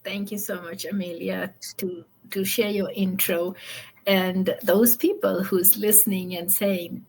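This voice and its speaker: A woman's voice: mid-range voice, fairly even intonation, unhurried, a little mellow. A woman from Fiji hosting an online interview, upbeat and friendly, with many fillers. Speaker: host.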